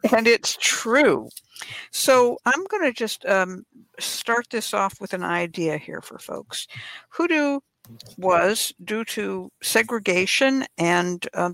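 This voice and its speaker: Woman host, gravelly mid-pitched voice, dry close sound, relaxed explainer. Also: dry recording. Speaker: podcast host. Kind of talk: casual explanatory talk.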